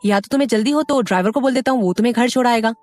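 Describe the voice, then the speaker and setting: A woman's voice: a little high, rapid-fire, darkish tone, no room sound, soft background music, close to an everyday voice. A woman voicing a short-tempered young man who scolds out of worry. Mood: persuading. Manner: scolding, exasperated.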